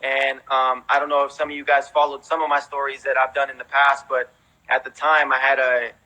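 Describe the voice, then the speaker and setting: Speaking as a guest in an interview, a man in his thirties, born in Mexico, raised in Houston and carrying an American accent, shares stories in a loose, chatty way full of "you know" and "man." He's a veteran breakdancer with a mid-range, monotone voice that's bright and forceful and moves fairly quickly. The recording quality is poor.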